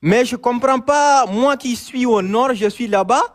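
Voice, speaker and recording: Malian man calling in, high pitched voice, insistent, keeps repeating himself. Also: a little slow. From Mali. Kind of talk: casual chat, phone-in debate.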